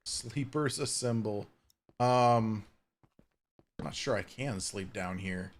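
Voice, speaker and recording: This Minecraft streamer takes his time, chatting casually through his gameplay at home while swearing offhandedly and cooing at his cat. His voice is a man's, fairly low in pitch.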